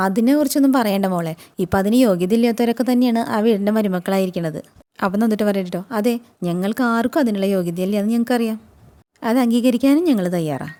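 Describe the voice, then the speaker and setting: A woman hosting a recap channel, retelling a TV serial episode in a rapid, chatty way and often adding little tag words. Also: medium pitch, dark tone.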